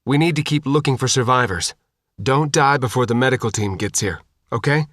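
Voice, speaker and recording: Calm encouraging male soldier, read by a man. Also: medium pitch, no echo, clean studio sound, lightly acted. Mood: reassuring. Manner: calm, reassuring, quick.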